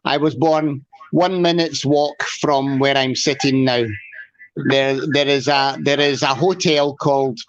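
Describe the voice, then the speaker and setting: A man's voice: mid-range voice, fairly even intonation, unhurried. Earnest man on a dull video call. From Scotland. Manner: earnest, proud, repeats words when starting. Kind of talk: casual chat on a video call.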